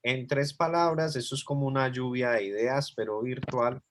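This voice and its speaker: Male teacher, mid-pitched, patient, explains step by step to a class on a video call. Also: steady tone, moderate pace, fairly bright tone, slight background noise. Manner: patient, explanatory, thinking aloud. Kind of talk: online class lecture.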